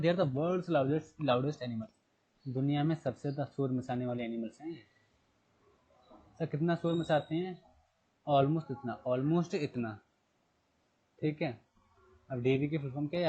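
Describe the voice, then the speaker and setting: A man's voice: fairly high pitch, dark tone, husky, highs cut off. A man teaching a general knowledge lesson, asking and answering his own questions, repeating terms and spelling words letter by letter. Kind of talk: recorded classroom lesson.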